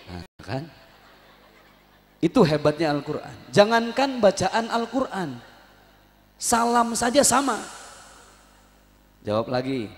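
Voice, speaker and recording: A man from Jakarta preaching a lively sermon, quizzing the congregation and joking with them in call-and-response. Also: high voice, slow pace, pauses often, in a large hall. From Betawi, Jakarta. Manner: animated, humorous, quizzes the congregation. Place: prayer hall at an evening gathering.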